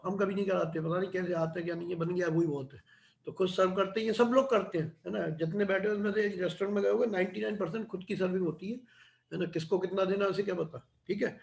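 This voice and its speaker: A man's voice: high voice, vocal fry, roomy sound. A middle-aged man teaching a class in a chatty, conversational way, often checking in with his students. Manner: chatty, keeps adding "है ना". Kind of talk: classroom lecture.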